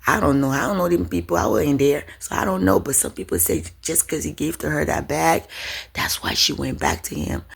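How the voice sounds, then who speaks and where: A woman's voice: low voice, big pitch swings, brisk, creaky, husky. A woman giving casual celebrity gossip commentary to her viewers, emphatic and repetitive, often calling them y'all.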